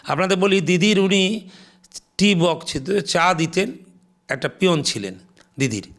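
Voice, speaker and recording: An older man from West Bengal, India, sits as an interview guest and tells anecdote after anecdote. His voice is gravelly and pitched a little high. He slips into the voices of the people he quotes as he goes. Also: measured pace. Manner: lively raconteur, acts out quoted people in Hindi.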